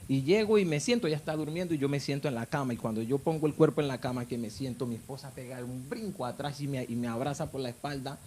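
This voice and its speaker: A man's voice: medium pitch, fast talker, hardly any pauses, dark tone, slight background noise. Fervent man giving testimony. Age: adult, married with children. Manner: fervent, emotional storytelling. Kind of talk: personal faith testimony.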